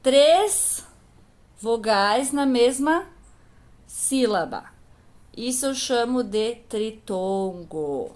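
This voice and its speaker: A woman's voice: on the high side, expressive, very slow, pauses often. A woman teacher patiently explaining a grammar lesson to young pupils, asking questions and answering them herself. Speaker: primary school teacher.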